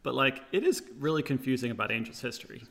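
A man hosting a casual podcast chat who talks in an animated way, laughs often and poses questions to the group. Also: mid-range voice, fast talker, vocal fry.

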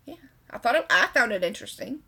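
A woman's voice: fairly high pitch, sing-song, quick pace, bright, forceful tone, slightly rough. A woman hosting a podcast, talking casually as she explains things. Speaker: podcast host.

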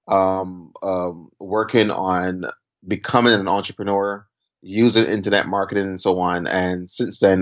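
A man from Barbados in his forties, a podcast guest, explaining things in a measured way with step-by-step examples. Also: low voice. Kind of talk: conversational interview. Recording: dull lo-fi audio.

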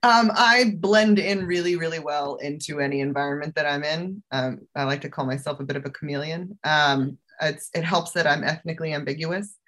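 A woman's voice: deep voice, a little fast, hardly any pauses. A woman guest who teaches self-defense and travel safety, talking chattily in a casual interview with lots of fillers. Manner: chatty, animated, with fillers and laughs.

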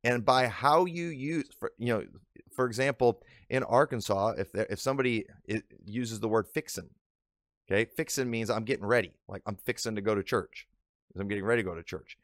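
A man's voice: on the low side, no room sound, clean studio sound. A man from Illinois, a pastor hosting a podcast and teaching in a conversational monologue. He is earnest, often restarts his sentences and stretches out the words he wants to stress. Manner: earnest, with frequent restarts and drawn-out emphasis.

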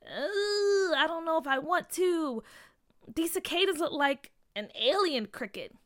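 A high, lively young schoolboy voice, curious and eager about everything, as a woman storyteller puts him on. The tone is bright and bouncy. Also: unhurried, full character voice. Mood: excited. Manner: excited, then gently reassuring.

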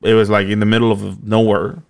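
A man's voice: lowish voice, level tone, fairly quick, vocal fry. A young man casually telling a long personal story, rambling and laughing often.

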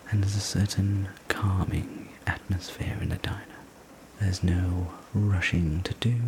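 A man telling a sleep story as a whispered role-play, gentle, soothing and unhurried, speaking as a server looking after a guest. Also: low voice, background noise. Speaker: sleep story narrator playing a night-shift diner server.

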